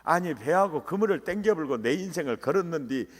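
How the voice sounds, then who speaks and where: Brief: pastor voicing a desperate fisherman disciple, Jeolla dialect, pleading loudly with a wide swing in pitch, in a reverberant sanctuary. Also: animated, fairly quick, close to an everyday voice. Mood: pleading protest. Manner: pleading, rising to a shout. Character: impassioned fisherman disciple Peter, adult man, protesting. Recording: echoey church hall.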